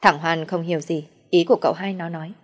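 Woman telling a dark old tale, steady, lowish voice. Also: fast talker. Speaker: storyteller. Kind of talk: narrating a dark folk tale.

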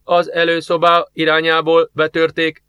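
A man voicing an emotionless ship computer that answers in flat, clipped phrases. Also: a little high, clean tone, no echo, voice pushed up.

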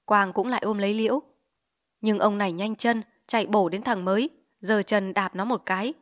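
A woman narrating a dramatized novel reading, acting out each character in a lively way. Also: mid-range voice, moderate pace, dry recording, studio quality. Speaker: audiobook narrator.

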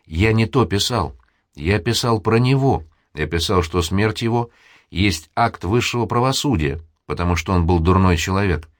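A man's voice: low-pitched, normal speed, no room sound, studio quality, natural voice. A man reading the part of a passionate young man who pleads for love. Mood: insistent. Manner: impassioned, pleading.

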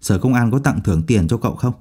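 A man's voice: mid-range voice, animated, quick pace, dark tone, slightly rough. A man voicing a nosy young classmate firing eager questions.

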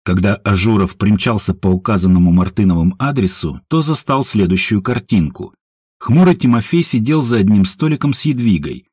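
A man narrating an audiobook with expressive reading. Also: on the low side, normal speed, slightly rough, dry recording, studio quality. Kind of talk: scripted narration.

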